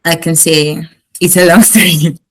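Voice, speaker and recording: Low-voiced young woman from Cameroon. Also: steady tone, moderate pace. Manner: candid, reflective, with light laughs. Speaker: interview guest, graduate student. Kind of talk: casual interview.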